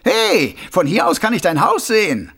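A man voicing a smug, cruel male killer in an audiobook, with a high, sneering voice and giggles. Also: sing-song, normal speed, a bit bright, slightly rough, exaggerated voice. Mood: taunting. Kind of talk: audiobook character voice.

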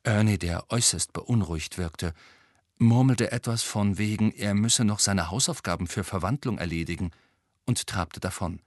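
A man narrating an audiobook in an expressive style, voicing every character. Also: lowish voice, moderate pace, dry recording. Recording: dry close studio recording.

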